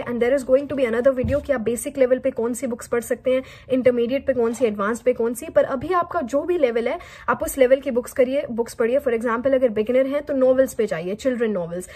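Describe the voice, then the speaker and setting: A woman's voice: on the high side, normal speed, a little mellow, a little hiss or hum. A woman whose first language is Hindi, with a Haryanvi accent, teaching English in an online lesson that mixes Hindi and English, asking and answering her own questions and repeating key words.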